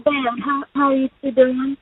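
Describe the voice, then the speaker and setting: A woman calls in over a crackly phone line that cuts in and out, her voice thin and tinny. She sits a little high for a woman and sounds dry and close, with no room around her. She talks in an earnest, emphatic way. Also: completely flat delivery, moderate pace, no echo. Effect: crackly phone line, fading in and out. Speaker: caller. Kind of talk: call-in radio chat.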